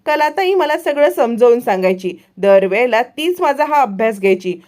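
A sharp-tongued young woman who snaps back in quick, bickering bursts, as a woman narrator puts her on. The voice sits high in pitch. It stays close to a storyteller's own voice. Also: lively intonation, close to an everyday voice. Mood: lively. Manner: indignant, bickering.

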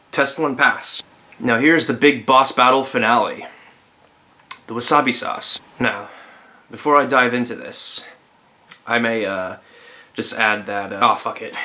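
A young man talking to camera in a bedroom for a casual challenge vlog, halting and deadpan, with crude humor. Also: mid-range voice. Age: young adult. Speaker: cameraman and vlogger. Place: bedroom indoors. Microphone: camera at about arm's length.

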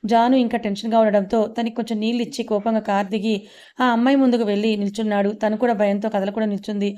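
A woman narrating an audio story, brisk and even. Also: mid-range voice.

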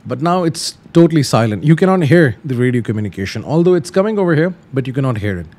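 Hosting a flight simulator tutorial, this man speaks at a quick pace in a medium-pitched, slightly mellow voice with a sing-song quality. He keeps it casual, going step by step and repeating the simple instructions.

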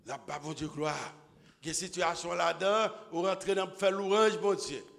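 A man preaching a sermon as pastor, swinging from low murmurs to shouted exclamations. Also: steady tone, moderate pace, creaky. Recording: echoey hall with long reverb.

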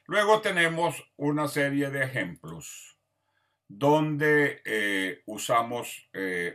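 A man's voice: on the low side, a bit bright. A man teaching an online grammar class, patiently listing words one by one and checking in with his students. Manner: patient, lists words one by one, often asks "¿verdad?". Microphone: video call.

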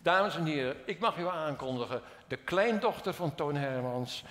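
A man's voice: on the high side, animated, fairly bright tone. Man presenting an award on stage. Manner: measured, conversational, addressing the winner then the audience. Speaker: ceremony presenter. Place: large theater stage. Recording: reverberant theater hall with audience.

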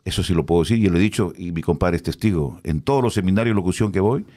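A middle-aged radio announcer, telling stories in an animated, expressive way during a casual conversation. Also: male voice, deep voice, very fast, soft background music.

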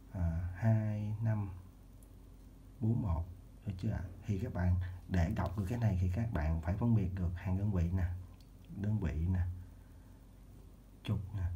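A man's voice: on the low side, warm tone. A man giving a casual children's math lesson, repeating steps and checking in with the viewers often. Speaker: math teacher. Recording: dull lo-fi home recording with faint noise.

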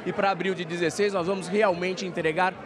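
Male company spokesman, forties, Brazilian accent, slightly high voice, promotional answers amid crowd noise. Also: fairly even intonation, a little fast. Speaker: airport company representative. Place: indoor reception event at a hangar. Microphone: handheld interview microphone. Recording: busy event crowd chatter behind.

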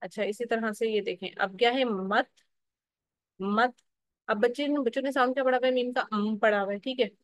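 A woman with a Pakistani Urdu accent teaching a phonics lesson for teachers, slowly sounding out syllables and often checking in. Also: on the high side, fairly even intonation, dry recording, poor audio. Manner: explanatory, checks in with "theek hai" often.

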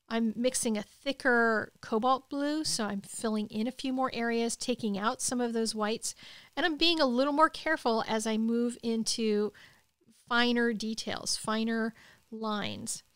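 A woman calmly explaining each step of a watercolor painting in a voice-over tutorial. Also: fairly high pitch, no echo, studio quality. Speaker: art instructor.

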